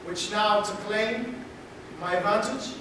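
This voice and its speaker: A man's voice: high-pitched, slow pace. A man acting a proud, soldierly prince in theatrical Shakespearean style, formal and declamatory. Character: proud soldierly foreign prince claiming a throne. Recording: echoey hall, distant mic, clear noise.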